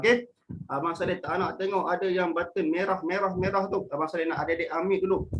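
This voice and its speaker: Over a video call with a little hiss or hum, a youthful male trainer from Malaysia coaches students in public speaking during a webinar. He keeps things fun and energetic, raising and lowering his voice to show how intonation works.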